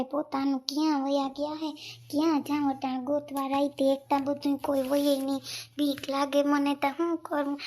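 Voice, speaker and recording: A scolding, quick-tempered village wife, played by a woman in a comic sketch, speaking. Her voice sits high and carries a gravelly edge. She nags in rapid complaints. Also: a little mellow, slight background noise. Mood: worried. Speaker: actor in a village comedy sketch.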